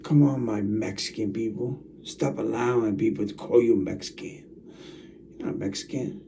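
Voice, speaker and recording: A man's voice: fairly low pitch, normal speed, creaky, warm tone, recorded from a distance, slight background noise. A man talking casually to his viewers as a channel host, rambling and repeating himself as he talks straight at the camera. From United States. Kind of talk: casual vlog monologue.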